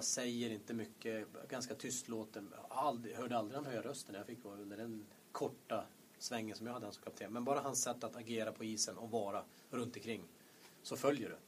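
A man's voice: mid-range voice, a little hiss or hum. A man co-hosting a podcast, talking earnestly about former teammates and searching for words as he goes. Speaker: podcast co-host, former hockey player. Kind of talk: casual chat.

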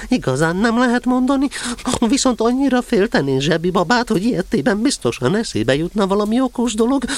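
A small, timid piglet from an audio storybook, pitched high with swooping intonation. He grumbles plaintively and pities himself, with clear noise behind the voice. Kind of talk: audio drama character acting.

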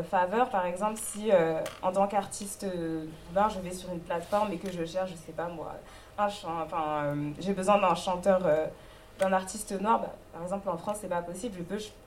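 Woman presenting workshop results, halting and filler-heavy, faint noise behind. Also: mid-range voice, darkish tone. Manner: hesitant, many fillers and restarts. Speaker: workshop spokesperson. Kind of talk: spoken report to a group.

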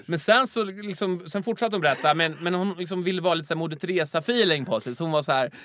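A man's voice: on the high side, no room sound. A man casually telling a funny anecdote, acting out the people in it and laughing often. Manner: animated, acts out quoted voices, laughs often. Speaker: storyteller.

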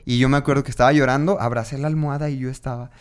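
A man, hosting a casual podcast and telling a personal story in an animated way, voicing his own inner dialogue. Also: medium pitch, racing, clear, resonant tone.

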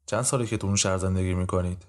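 A man voicing a stern, impatient male judge who questions in brisk, curt sentences. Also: sits low, fairly even intonation, natural voice.

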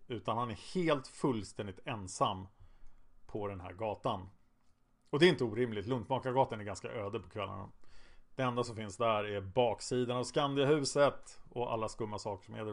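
Male podcast narrator, casual true-crime storytelling, conversational with hesitant fillers. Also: mid-range voice.

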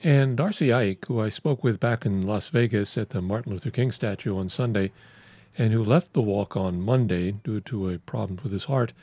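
Low-voiced male documentary narrator. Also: moderate pace, dark tone, dry recording.

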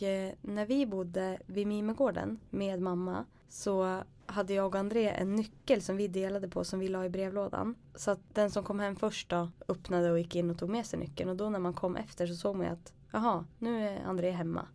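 A woman's voice: mid-range voice, few pauses. Young woman telling a spooky story. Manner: animated, acts out her own past lines. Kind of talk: casual storytelling chat.

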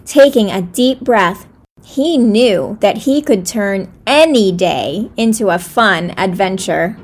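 Gentle woman reading a children's story. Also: mid-range voice, expressive, slow.

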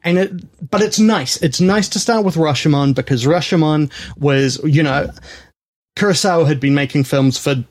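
Male podcast co-host, slightly higher voice, casual rambling banter with jokes. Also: moderate pace, darkish tone. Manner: rambling, jokey, with frequent laughs and restarts. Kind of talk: casual film podcast chat.

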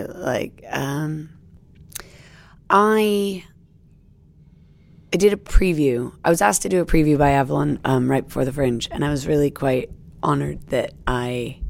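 A woman comedian from the United States talks as an interview guest, her voice sitting remarkably deep with a rough, gravelly edge. She rambles loosely, looping back with fillers and restarts. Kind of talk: casual interview chat.

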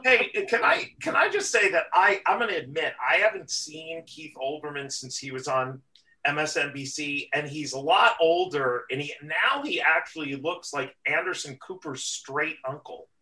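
A man's voice: on the high side, animated, moderate pace, sharp tone, low-quality recording. A man co-hosting a podcast, rambling and laughing in casual chat. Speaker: podcast co-host.

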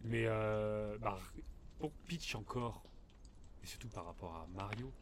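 A man's voice: on the low side, slow pace, noisy background. A man co-hosting a casual podcast chat, enthusiastic and full of hesitations, recorded in a mountain refuge. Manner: enthusiastic, hesitant with many fillers. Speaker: podcast co-host.

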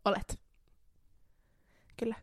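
A woman co-hosting a casual podcast game, playful and giggly, sometimes dropping to a near whisper. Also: dry recording. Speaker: podcast co-host.

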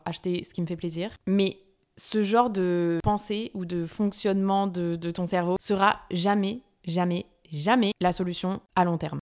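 A woman's voice: fairly low pitch, darkish tone. A young woman hosting a casual self-help podcast, talking informally with many fillers and restarts. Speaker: podcast host.

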